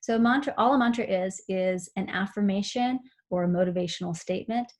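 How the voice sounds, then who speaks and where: A woman giving a recorded seminar on mindful running, explaining calmly with frequent fillers. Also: mid-range voice, fairly quick. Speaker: running instructor.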